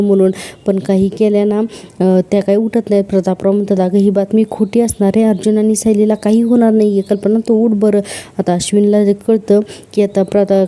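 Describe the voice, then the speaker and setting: A woman's voice: mid-range voice, dark tone. A woman with a Marathi accent, casually retelling a TV serial episode and reading each character's lines in quotes. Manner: retells scenes, voicing characters' lines in quotes with little change. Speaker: serial episode recap narrator.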